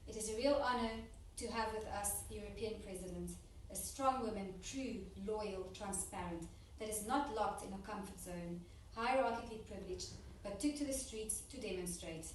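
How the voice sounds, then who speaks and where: Woman interpreting a speech bit by bit, steady and plain, far from the mic in a really echoey hall with faint hiss. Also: medium pitch, moderate pace. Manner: steady, plain rendering with small restarts. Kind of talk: consecutive interpretation into English.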